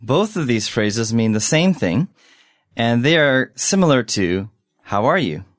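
Guy teaching phrases, clear and steady, lively voice, dry studio sound. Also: medium pitch, no room sound. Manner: clear, measured, explanatory. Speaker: language lesson host. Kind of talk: scripted lesson explanation.

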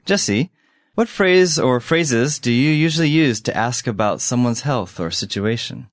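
Man explaining phrases in a lively voice. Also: medium pitch, dry recording, studio quality. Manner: clear, measured, explanatory. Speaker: language lesson host. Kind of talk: scripted lesson explanation.

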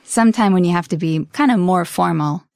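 A woman's voice: lowish voice, fairly quick, creaky, darkish tone, no echo. Brief: female lesson co-host, easy conversational tone, dry close recording. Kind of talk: scripted lesson chat.

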